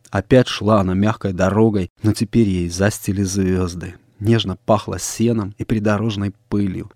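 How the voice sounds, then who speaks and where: A man calmly narrating a literary story as an audiobook, in a measured reading. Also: lowish voice, dry recording, clean studio sound.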